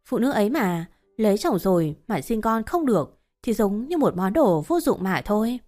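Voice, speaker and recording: A woman's voice: mid-range voice, sing-song, moderate pace, a little mellow, lightly acted. A woman voicing a smug young mistress who lectures her sister-in-law in a sneering, condescending way, over faint music.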